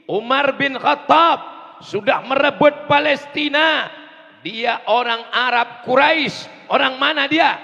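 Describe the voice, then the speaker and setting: A man preaching a fiery rally sermon, slow and emphatic, with call and response, rising to shouts. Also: very high-pitched, gravelly, muffled recording. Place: large outdoor rally. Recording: distant echo over crowd loudspeakers.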